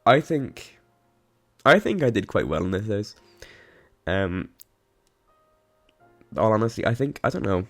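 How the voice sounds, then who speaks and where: A man with a hoarse, coughing voice gives a casual, rambling voice-over about a game build, with lots of ums, restarts and giggles. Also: lowish voice, sing-song, a little slow, long pauses, a bit bright. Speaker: game builder narrating a speedbuild. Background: faint background music.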